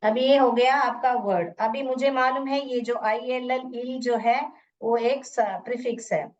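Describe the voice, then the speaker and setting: A woman teaches a phonics lesson, breaking words into sounds one piece at a time. She speaks very slowly in a fairly high voice. The recording is muffled and she sounds far from the mic. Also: fairly even intonation. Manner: mixes Hindi with English teaching phrases.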